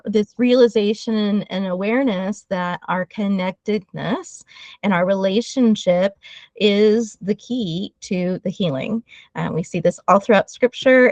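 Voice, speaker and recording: A woman's voice: medium pitch, no echo. Earnest woman on a dull video call. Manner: earnest, animated, with fillers and restarts. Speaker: guest speaker, trauma-informed ministry leader. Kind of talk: conversational interview talk.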